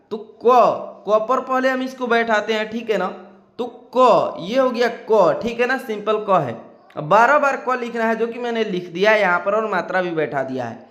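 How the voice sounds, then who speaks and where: A man with a North Indian Hindi accent teaches in a patient, repetitive way, often checking that his students follow. His voice sits high, and he draws out each syllable slowly to model how it sounds. The recording has a noticeably echoey room. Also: a bit bright. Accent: Hindi-speaking North Indian. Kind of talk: classroom lesson.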